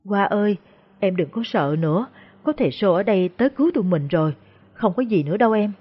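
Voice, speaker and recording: A woman's voice: medium pitch, expressive, fairly quick, breathy edge. A frightened peasant woman, voiced by a female storyteller stammers humbly in a voice. She sounds deferential and anxious. The recording is dull and lo-fi. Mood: anxious pleading.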